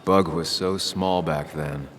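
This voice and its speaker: A man's voice: sits low, steady tone, takes it slowly. A man voicing a dry, wistful journalist in a video game. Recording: long reverb with game music behind.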